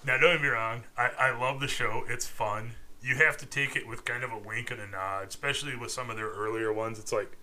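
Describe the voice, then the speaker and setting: Male podcast co-host with a bright, forceful voice, casual and profane, prone to acting out imagined lines. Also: medium pitch, brisk, hardly any pauses, low-quality recording. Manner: animated, profane, acts out imagined quotes. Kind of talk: casual chat.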